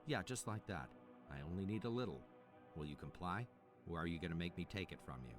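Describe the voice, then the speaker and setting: Deep-voiced, steady game survivor. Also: male voice, quick pace, soft background music. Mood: reassuring, insistent. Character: Dean, calm firm male survivor taking charge. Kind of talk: video game voice acting.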